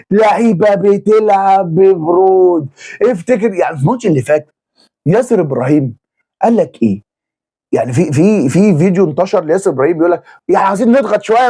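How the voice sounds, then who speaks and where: A man's voice: high voice, a little mellow. An Egyptian man ranting as an angry football fan, exasperated and repeating his phrases over and over. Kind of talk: angry fan reaction rant.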